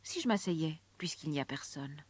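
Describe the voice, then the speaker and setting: A curious young girl speaks in a raised, childlike voice and drops to hushed asides, as a woman narrator puts her on. The delivery is that of a storybook read aloud. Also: extremely high pitch, sing-song, moderate pace, dry recording, voice pushed up.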